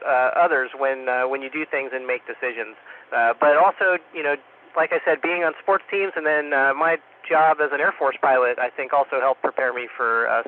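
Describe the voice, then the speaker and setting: A man, an astronaut, answering students over a two-way radio link from space, friendly and unhurried with many filler pauses. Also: medium pitch. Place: space station. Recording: tinny radio transmission with faint static.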